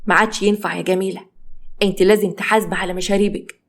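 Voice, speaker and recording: Bitter, cold husband in an Egyptian audio story, read by a woman narrator, quick delivery. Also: medium pitch, steady tone, lightly acted. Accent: Egyptian Arabic. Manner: bitter, reproachful.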